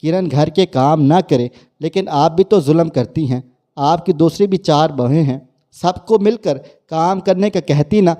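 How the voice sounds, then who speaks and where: A man voicing a gentle, loving young husband who speaks softly in a family story. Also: a little high, natural voice. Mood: pleading. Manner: soft, tender.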